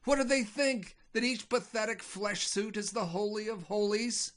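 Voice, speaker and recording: A man's voice: high voice, normal speed, a bit bright, voice pushed up. A man voicing a furious male demon who rants about believers, his voice growing to a roar. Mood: indignant. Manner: roaring, rising intensity.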